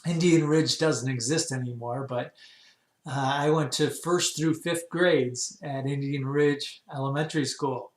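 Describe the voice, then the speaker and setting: A man in his fifties from Wisconsin, casually telling his life story in an unhurried, rambling way with many pauses. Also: mid-range voice, fairly even intonation, echoey room. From Wisconsin, USA. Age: 50s. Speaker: vlogger.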